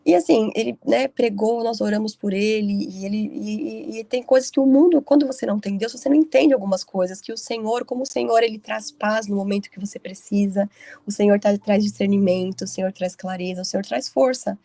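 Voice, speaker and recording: Woman leading bible study, gravelly mellow voice, chatty storyteller. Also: medium pitch, brisk, no echo. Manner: chatty storytelling with frequent "né" tags. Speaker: Bible study group leader. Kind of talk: casual group Bible study talk.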